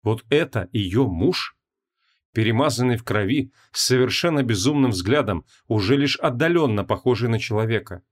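A man narrates a fantasy audiobook in a dramatic, expressive style at a moderate pace. His mid-range pitch moves in a lively, animated way, though the scripted reading stays steady.

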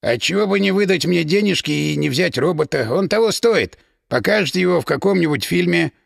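A man's voice: on the high side, animated, a little fast, creaky, no echo, clean studio sound, full character voice. A man voicing a lazy, boozy male inventor with an ironic, weary manner.

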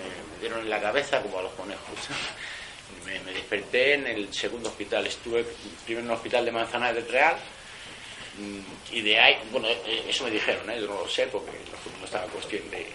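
A man's voice: on the low side, a little fast, noisy background. A man recounting his own experiences in a casual, colloquial way, blunt and full of slang and swearing, restarting his sentences as he goes. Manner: animated retelling, with many restarts. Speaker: former prisoner giving a testimony. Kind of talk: casual spoken storytelling.

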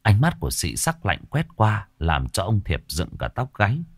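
A man's voice: fairly low pitch, wildly swooping pitch, normal speed, slightly rough, no echo. A man reading a scripted horror story aloud, dramatic and lingering on gruesome detail.

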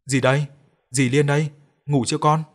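A man voicing a sharp-tongued old grandmother. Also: on the high side, flat delivery, moderate pace, natural voice. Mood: snappish. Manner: snappish, scolding.

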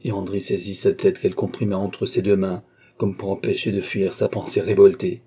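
A man narrating a classic novel as an audiobook in a measured, dramatic way. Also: deep voice, level tone, warm tone, slightly rough. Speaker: audiobook reader.

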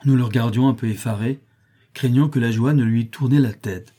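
Guy reading an adventure novel aloud, steady pace, dark breathy tone. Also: mid-range voice, normal speed. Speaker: audiobook narrator. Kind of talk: scripted narration of a novel.

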